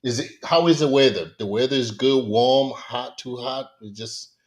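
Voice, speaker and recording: A man's voice: medium pitch, normal speed. A man hosting a podcast, asking questions in a loose, enthusiastic way with many fillers. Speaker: podcast host. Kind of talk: casual interview talk.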